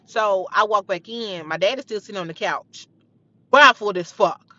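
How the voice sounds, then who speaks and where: Bright-voiced young woman telling a story bluntly. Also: mid-range voice, normal speed, dull audio. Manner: blunt, profane, heated retelling. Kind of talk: casual storytime monologue.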